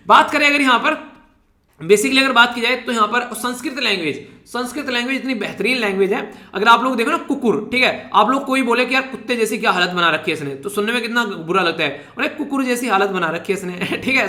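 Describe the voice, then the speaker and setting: A man's voice: very high voice, bright, forceful tone, echoey room. A man teaching current affairs for exam prep in a chatty lecture, with joking asides and frequent check-ins to his students.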